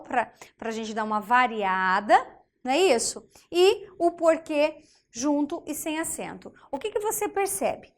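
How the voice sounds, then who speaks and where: Slow, high-voiced Brazilian woman teacher. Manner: deliberate, often checks in with "tá?" and "né?". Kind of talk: grammar lesson.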